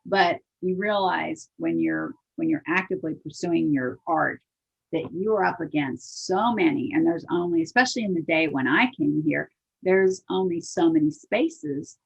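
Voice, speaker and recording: An older woman, a singer-songwriter being interviewed, talking casually in a halting way that restarts and repeats words. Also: low-pitched, lively intonation, creaky, slightly rough. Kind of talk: casual conversation. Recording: dull lo-fi audio.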